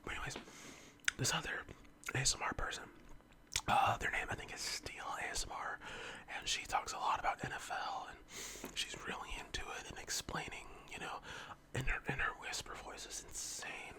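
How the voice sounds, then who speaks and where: An ASMR host of unclear sex whispers close to the mic, as if leaning in, in an informal, meandering casual chat. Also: normal speed. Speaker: ASMR eating-video host.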